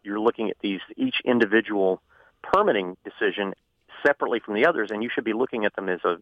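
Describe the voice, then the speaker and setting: A man who is a journalist and author, guest on a radio interview, an animated storyteller who laughs often. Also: lowish voice, quick pace, dry recording, phone-quality sound.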